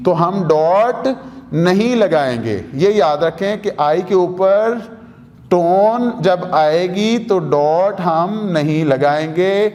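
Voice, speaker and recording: Brief: male teacher, Pakistani Urdu accent, high voice, slow and repetitive, reverberant room. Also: darkish tone. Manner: addresses students directly, repeats rules, asks questions. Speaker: language teacher. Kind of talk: explanatory lesson.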